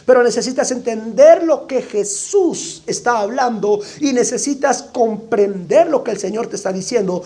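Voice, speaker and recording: A preacher delivering a sermon, building emphasis through repeated phrases and chains of rhetorical questions. The voice sits at a middle pitch. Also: mellow.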